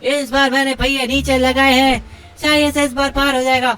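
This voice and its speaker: A man putting on a higher voice to play a timid, clumsy cartoon boy in a game video, talking in a whiny, pleading way. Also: flat delivery, normal speed, bright, forceful tone, faint music behind. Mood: excuse-making. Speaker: game commentator.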